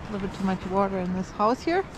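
A woman's voice: medium pitch, lively intonation, racing. A young woman talking casually to camera as a sailing vlogger, marvelling and laughing often. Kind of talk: casual vlog narration to camera. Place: sailboat deck in snow, then boat cabin. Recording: wind and water noise outdoors.

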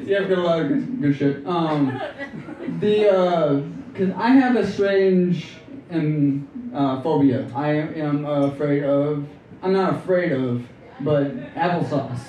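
A man doing an open-mic stand-up set on a club stage, talking in a halting, rambling way with many restarts. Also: on the high side, highs cut off, slight background noise. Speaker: stand-up comedian. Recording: distant, echoey club with loud crowd. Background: audience laughter.

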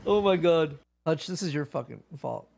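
A man's voice: on the high side, animated, normal speed, vocal fry, darkish tone, husky. A man streaming and chatting casually with friends, laughing often as he tells stories.

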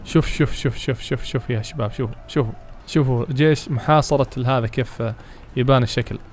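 A man giving excitable let's play commentary, chatting to his viewers and reading game text aloud as he plays. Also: mid-range voice, quick pace, slight background noise. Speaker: gaming channel host.

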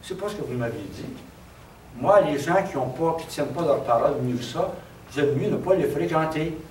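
A bold young folk hero, as a storyteller voices him addresses a king with proud defiance in a Québécois voice. It sits somewhat high and echoes, caught from afar. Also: expressive, normal speed, a little mellow, slight background noise, natural voice. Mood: indignant. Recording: roomy, distant mic, faint background.

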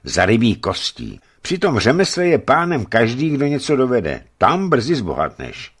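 A man voicing a coarse, grumbling fisherman foreman in a read-aloud story, with raised, louder delivery. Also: mid-range voice, big pitch swings, breathy edge, voice pushed up. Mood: coaxing. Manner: grumbling, swearing in folksy oaths. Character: gruff middle-aged male foreman, a coarse-mouthed fisherman.

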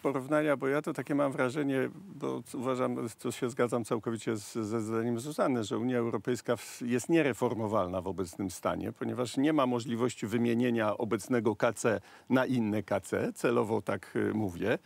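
Gravelly middle-aged man, sardonic panel talk. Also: mid-range voice, moderate pace, hardly any pauses, no echo. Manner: animated, gesturing, sardonic asides. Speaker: political commentator. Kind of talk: studio panel discussion. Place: TV studio set. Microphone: lapel mic.

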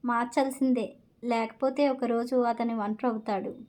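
A woman reading the lines of a bold, principled young woman who speaks calmly and directly. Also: a little high, moderate pace, natural voice. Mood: steady.

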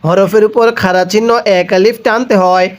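A man teaching Quran reading, with a Bangladeshi Bengali accent, who spells out each syllable and chants the verses in long drawn-out tones. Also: high-pitched, steady tone. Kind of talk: slow spelled-out Quran recitation lesson.

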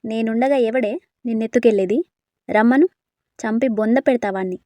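A woman's voice: on the high side, moderate pace, dark tone, no room sound, natural voice. A woman voicing a possessive, hot-headed young man who talks bluntly. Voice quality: blunt, threatening.

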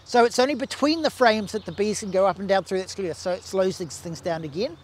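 A husky, high male voice at a quick pace. The speaker, a man in his sixties with a New Zealand accent, is a bee scientist explaining hive gear in an outdoor garden demonstration beside the hives, often restarting and gesturing.

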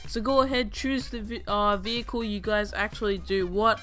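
Speaking at a moderate pace in a mid-range, slightly bright voice, a young woman narrates a game tutorial over gameplay footage recorded at home. She hosts a gaming channel and has a cold, so she sounds stuffy-nosed. Her delivery is casual and chatty, and she goes through each step more than once, with faint music in the background.

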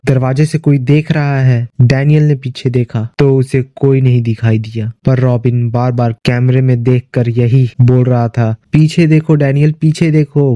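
A man hosting his channel and reading a horror story in a steady, scripted narration. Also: mid-range voice, no room sound, lo-fi sound.

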